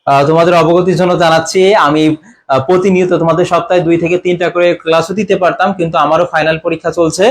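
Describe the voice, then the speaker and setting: Young man, high voice, exam-prep tutor, questioning, throat-clearing. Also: flat delivery, quick pace. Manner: quizzing students with repeated questions; clears his throat often. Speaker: admission coaching teacher. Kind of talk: online exam-prep class.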